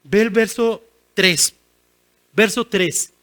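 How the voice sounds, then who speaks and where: A man's voice: sits high, slow, sharp tone. A man preaching a sermon as guest pastor, earnest and pleading, with repeated phrases and touches of self-deprecating humor. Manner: earnest, repetitive pleading cadence.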